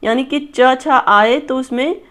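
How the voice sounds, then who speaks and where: A woman's voice: high voice, slow pace, a bit bright. Patient woman teaching a grammar lesson. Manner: patient, repetitive explaining, pointing at a board. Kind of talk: exam-prep grammar lesson.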